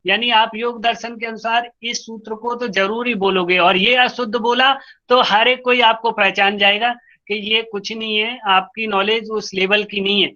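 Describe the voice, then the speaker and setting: A man's voice: high voice, fairly even intonation, bright, forceful tone, muffled recording. A male yoga teacher leading an online class, chanting Sanskrit verses word by word and strictly correcting pronunciation. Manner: chants sutras slowly word by word, then explains quickly. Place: online class over video call.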